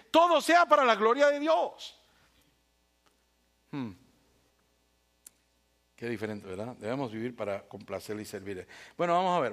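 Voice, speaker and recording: A man preaching a sermon as pastor, swinging between loud bursts and hushed asides, with playful humor. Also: high voice, vocal fry.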